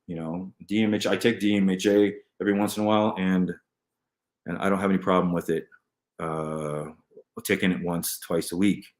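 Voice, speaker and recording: A man with a lowish voice chats loosely on a live stream, drifting from point to point and restarting his sentences. His computer mic picks up a roomy echo. He answers viewer comments as they come in. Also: level tone, moderate pace. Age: adult. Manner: rambling, jumps between topics with many restarts. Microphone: computer mic at a desk.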